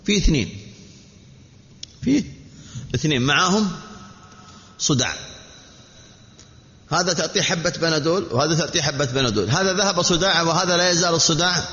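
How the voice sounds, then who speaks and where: Male preacher, slightly high voice, measured sermon delivery, dull reverberant hall recording. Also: sharp tone. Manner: measured, repetitive teaching delivery with rhetorical questions. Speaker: Islamic preacher.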